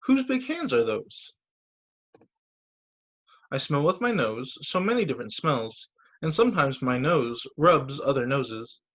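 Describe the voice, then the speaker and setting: Over a video call, a man acting as a story time teacher reads children's picture books aloud. His delivery is expressive and sing-song, with short asides. His pitch sits in the middle, and he speaks unhurriedly with long pauses.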